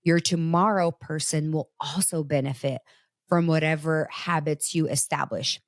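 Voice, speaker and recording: A Brazilian woman, a native Portuguese speaker, hosts a casual motivational talk in a deep voice at a moderate pace. She's animated and conversational, speaking straight to her listeners, in a dry, studio-quality recording.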